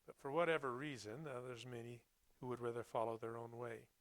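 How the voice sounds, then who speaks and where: A man preaching a Sunday sermon, reading scripture and commenting on it in a plainspoken, reflective, halting way. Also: medium pitch, flat delivery, dry recording.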